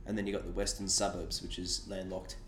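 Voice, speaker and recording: Australian man, interview guest, low voice, measured and reflective, echoey room with faint music. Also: little pitch movement, fairly bright tone. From Sydney, Australia. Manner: measured, reflective, explains at length. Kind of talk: conversational storytelling. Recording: roomy echo with faint music.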